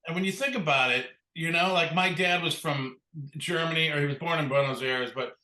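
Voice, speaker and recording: A man's voice: a little high, a little fast, sharp tone, reverberant. A man in his sixties from Wisconsin who hosts a talk show and chats casually in a teasing, joking way. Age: 60s. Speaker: podcast host. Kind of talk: casual chat.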